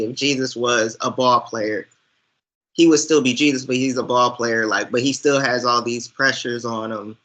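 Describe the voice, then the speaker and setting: A man who reviews movies online joins a casual chat as a guest, speaking slowly and haltingly as he reflects aloud in winding thoughts. His voice is bright and forward at a middling pitch. The recording is low quality.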